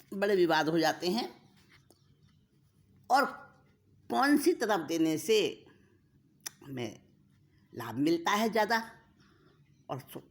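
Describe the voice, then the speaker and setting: A woman narrating a moral story in an expressive, dramatic way. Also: deep voice. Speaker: storyteller, religious speaker.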